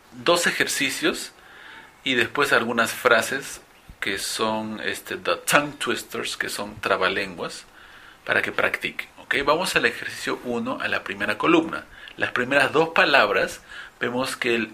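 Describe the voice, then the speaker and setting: A man teaching English pronunciation in Spanish, explaining slowly and repeating example words for listeners. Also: medium pitch, creaky, pushed and bright, slight background noise. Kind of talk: pronunciation lesson.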